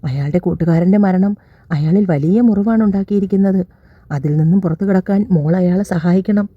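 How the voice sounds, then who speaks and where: Woman reading a romance story aloud, lowish voice, dull dry lo-fi sound. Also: a little fast, slightly rough, no echo. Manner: reads all characters' dialogue in her own voice, slightly raised. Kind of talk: scripted audio story narration.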